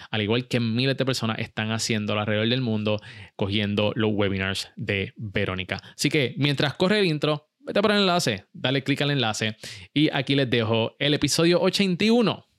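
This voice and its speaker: A man's voice: medium pitch, normal speed, fairly bright tone, clean tone, no echo, clean studio sound. A man hosting and producing a podcast, chatty and upbeat. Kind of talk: casual podcast interview.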